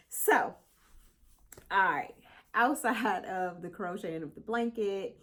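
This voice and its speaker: Woman, middle-aged, congested, chatty vlogger, lowish voice, talks straight to camera. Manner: chatty, animated storyteller, addresses viewers as y'all. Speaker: crochet vlogger. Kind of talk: casual chat to camera.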